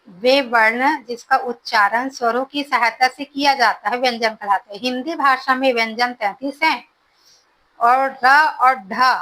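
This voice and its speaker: A woman teaches a Hindi grammar lesson for exam prep, explaining slowly, repeating each definition and checking understanding with short prompts like "ठीक है". Her high-pitched voice is pushed and bright, and the recording is rough.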